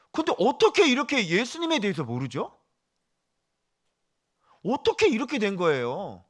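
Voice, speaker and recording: A male pastor with a high voice preaches a sermon with animation, firing questions at the congregation and dropping to a hush for asides.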